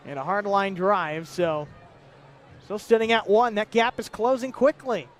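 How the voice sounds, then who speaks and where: A man calling a celebrity softball game and home run derby live as play-by-play announcer, with lively calls and chatty asides. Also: sits high, measured pace, a little hiss or hum. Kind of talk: live sports commentary.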